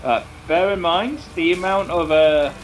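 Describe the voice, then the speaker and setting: A British man chatting casually over voice chat while playing a racing game, rambling and excitable. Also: a little high, unhurried, slight background noise. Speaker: gamer in voice chat. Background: racing game music.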